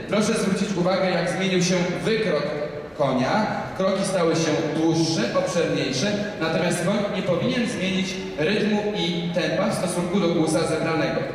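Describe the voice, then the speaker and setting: A man commentating live in an arena, calmly and instructively explaining the riding to the spectators. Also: slight background noise. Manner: calm, instructive, addresses the audience directly. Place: large indoor equestrian arena with spectators. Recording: booming arena echo from far off, crowd behind.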